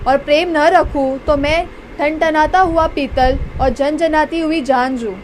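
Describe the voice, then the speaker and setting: A woman's voice: high-pitched, unhurried, darkish tone, a little hiss or hum, low-quality recording. A woman reading Bible verses aloud on cue during a sermon. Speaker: scripture reader.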